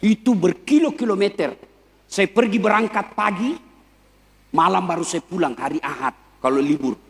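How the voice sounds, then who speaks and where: A male preacher, giving a lively, joking sermon and speaking directly to a live crowd. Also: sits high, moderate pace, gravelly. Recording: long hall reverb.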